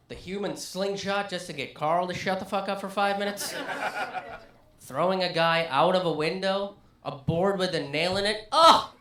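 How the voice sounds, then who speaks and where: A male comedian doing a live stand-up set in a small listening room, ranting and animated. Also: high voice, echoey room.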